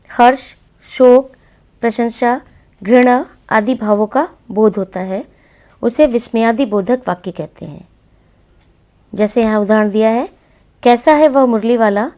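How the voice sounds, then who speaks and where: Woman teacher, fairly high voice, slow and deliberate delivery, explaining lessons to students. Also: a little mellow. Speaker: Hindi teacher. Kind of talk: classroom lesson explaining exercises.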